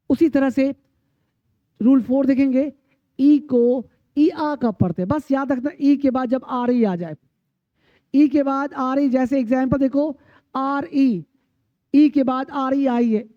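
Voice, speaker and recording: A woman's voice: high voice, no room sound. A woman teaching English pronunciation in a lesson, drilling word lists and asking and answering her own questions. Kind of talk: classroom-style lesson. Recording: dry, dull lo-fi sound.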